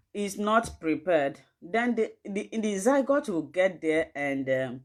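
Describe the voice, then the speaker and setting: Speaking in a low voice, a Nigerian woman with a West African accent gives a casual health lesson over livestream as an online teacher. She talks straight to her viewers, emphatic and fond of rhetorical questions.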